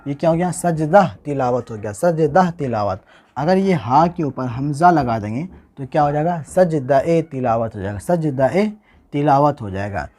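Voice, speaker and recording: A man's voice: fairly high pitch, lively intonation, a little mellow. Patient man spelling out Urdu letters. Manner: slow, patient, repeats each word and asks "how will we join this?". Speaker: Urdu teacher. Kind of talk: handwriting lesson, spelling out letters. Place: indoors, recording a tutorial without a camera.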